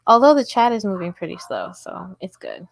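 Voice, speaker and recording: A woman with a medium-pitched, sing-song voice and vocal fry talks briskly while crocheting on a livestream from her home table. She's chatty and giggly, addressing her viewers in the chat as she works.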